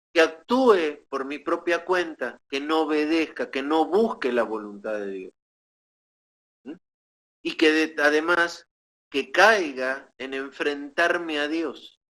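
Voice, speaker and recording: A man preaching as pastor, teaching in a measured way with pauses and short tag questions to the congregation. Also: on the high side, sharp tone, poor audio. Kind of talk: sermon.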